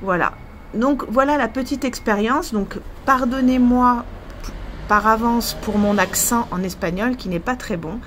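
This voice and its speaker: A woman's voice: a little high, unhurried, fairly bright tone, slight background noise. A woman with a French accent, a language teacher thinking aloud in a casual vlog, hesitant and full of fillers.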